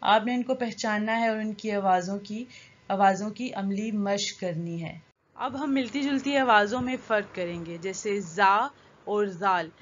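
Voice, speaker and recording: A woman teaching a children's Quran reading lesson, reciting letter sounds slowly one by one and patiently explaining them. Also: medium pitch. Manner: slow, drilled syllable recitation. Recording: dull lo-fi audio.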